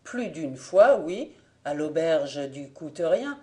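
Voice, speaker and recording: Calm ironic old blind man, voiced by a woman in an audiobook, mellow lowish tone. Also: slow pace. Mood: wry.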